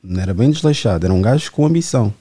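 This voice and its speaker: A man, hosting a podcast in relaxed, chatty conversation and asking questions. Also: on the low side, rapid-fire, slightly rough. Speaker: podcast host. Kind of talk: casual podcast chat.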